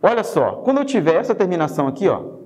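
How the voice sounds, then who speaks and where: A man with a Brazilian Portuguese accent teaching a spelling lesson, lively and jokey, checking in with the class through quick tag questions. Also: sits high, in a large hall.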